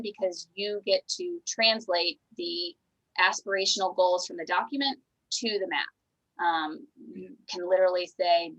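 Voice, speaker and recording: An American woman city planner explaining the planning process clearly in a public meeting. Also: on the low side, lo-fi sound.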